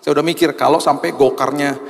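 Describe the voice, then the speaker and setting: An Indonesian pastor telling a personal story in a sermon, animated, jumping into a high excited voice when he quotes others. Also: fast, creaky. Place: church auditorium. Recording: long hall reverb.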